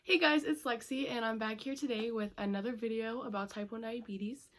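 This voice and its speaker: A woman's voice: fairly high pitch, fairly even intonation, brisk, a bit bright, a little hiss or hum. A young woman talking casually to her camera in a Q&A vlog, chatty and full of "like" and "um". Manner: chatty, many fillers like "like" and "um". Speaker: vlogger.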